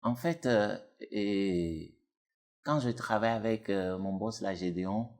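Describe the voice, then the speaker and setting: A man's voice: a little slow, darkish tone. A man, a dubbing actor talking casually as an interview guest, rambling with many fillers and restarts. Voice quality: deep voice.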